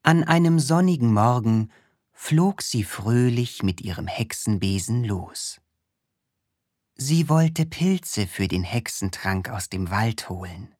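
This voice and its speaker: Slow, low-voiced woman reading a children's story. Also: no echo, studio quality. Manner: slow, expressive read-aloud.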